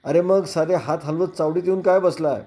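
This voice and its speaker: A loud, quick-tempered village police inspector , put on by a male reader, barking orders and cursing at his men. The voice stays low and mellow beneath the shouting, in the manner of a storybook reading. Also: close to an everyday voice. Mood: angry, bossy. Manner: barks orders and curses loudly.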